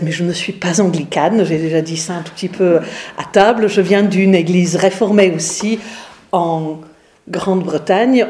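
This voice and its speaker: A middle-aged woman pastor from England, with an English accent tinged with some Swiss, gives an informal lecture to a group, full of hesitations and fillers. Her voice is lowish and warm, and the room is echoey.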